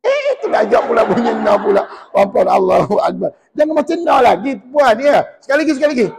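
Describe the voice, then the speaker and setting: A man with a Malaysian Malay accent teaching Quran recitation in a mosque class, drilling and correcting students in a lively, teasing way. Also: very high voice, fast talker, creaky, big-room sound, very noisy.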